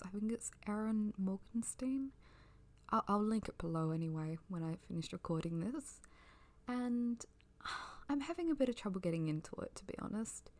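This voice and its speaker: Soft, creaky, sleepy woman rambling in ASMR. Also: medium pitch. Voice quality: soft, breathy, often near a whisper. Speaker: ASMR creator giving a personal ramble.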